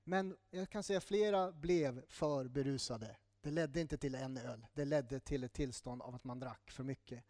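A male pastor preaching a sermon in a church in a lively way, breaking off for quick asides and apologies. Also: medium pitch, dry recording, clean studio sound.

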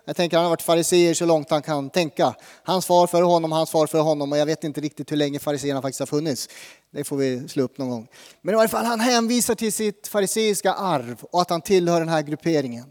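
A man's voice: fairly high pitch, darkish tone, big-room sound. Predikande man i ett ekande kyrkorum. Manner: conversational, asks the congregation questions. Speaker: pastor. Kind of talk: sermon.

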